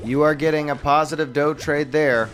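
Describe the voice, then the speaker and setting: A man commentating a mobile game tournament match play by play, upbeat and quick to exclaim at good plays. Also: on the high side, fairly even intonation.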